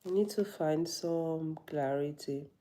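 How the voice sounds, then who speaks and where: Female yoga vlogger, warm dark tone, reflective and searching, casual live chat. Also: deep voice. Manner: thoughtful, halting, searching for words. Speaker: yoga teacher.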